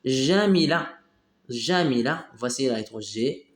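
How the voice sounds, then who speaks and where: A male teacher walks children through a phonics lesson, stretching and repeating each word. His delivery is unhurried and deliberate, and the recording sounds roomy and echoey. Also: mid-range voice, expressive. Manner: slow, drawn-out repeating of words, switching into dialect Arabic for explanations. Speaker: primary school teacher. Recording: echoey room.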